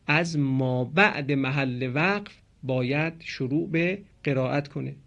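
A man's voice: fairly high pitch, a bit bright. A man teaching Quran recitation rules, who asks questions and answers them himself and stretches out key terms. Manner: didactic, poses questions then answers them; stresses and drags out key terms. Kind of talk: explanatory lesson on pause marks.

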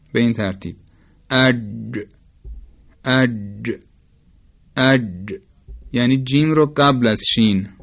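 A man teaching Quran recitation rules in a formal, careful lecture, slowly demonstrating each throat and mouth sound aloud. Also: medium pitch, highs cut off. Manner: formal and polite toward listeners. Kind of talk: instructional lecture on tajweed.

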